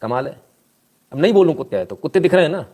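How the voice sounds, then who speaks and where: A man's voice: on the high side, very animated, fast, darkish tone. A man doing casual live-stream news commentary, sarcastic and scolding, reading out viewer comments and thanking them.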